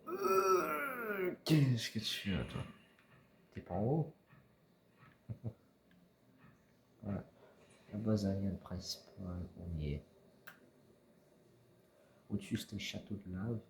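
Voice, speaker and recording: Low-voiced man muttering through a game. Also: takes it slowly, long pauses, a little mellow, a little hiss or hum. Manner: mutters to himself and chuckles, talks to game creatures. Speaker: gamer playing a survival game. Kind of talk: casual let's-play commentary.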